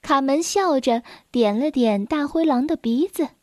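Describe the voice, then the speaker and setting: A woman narrates a children's storybook, clear and expressive. Her voice sits high. The recording is close and dry. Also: unhurried, no room sound.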